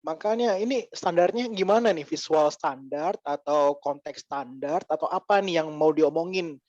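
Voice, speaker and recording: Male guest, fairly high voice, animated and ranting, dry muffled sound. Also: no room sound. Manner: animated, ranting with quick asides. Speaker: podcast guest. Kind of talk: casual chat.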